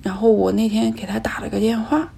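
A woman's voice: fairly high pitch, level tone, brisk, creaky, mellow, husky. A woman telling her own personal story in a reflective, candid and emotional way.

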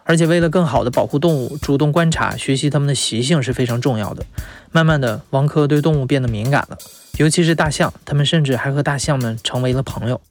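A man's voice: mid-range voice, quick pace. Male nature-documentary narrator over music.

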